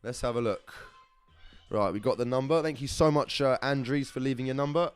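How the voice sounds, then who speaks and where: A man's voice: medium pitch, a little fast, clean tone, faint music behind. Chatty man hosting a live draw. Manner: chatty and upbeat, calls viewers lovelies and brother. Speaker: live competition draw host. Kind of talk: casual livestream chat.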